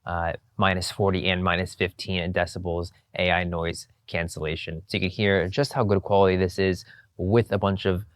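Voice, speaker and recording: A man's voice: low voice, level tone, normal speed, dry recording. A man reviewing gear out on a busy street, talking through a clip-on wireless mic with AI noise reduction switched on. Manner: upbeat, repeats "you can hear". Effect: AI noise reduction processing. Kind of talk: product demo walkthrough. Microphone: clip-on wireless lapel mic.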